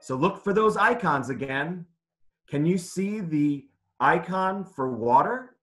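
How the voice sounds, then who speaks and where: A man with a fairly high, somewhat bright voice reads aloud to children like a teacher, taking his time. His intonation is lively, his phrases simple, and he puts questions to his young listeners in this interactive read-aloud lesson.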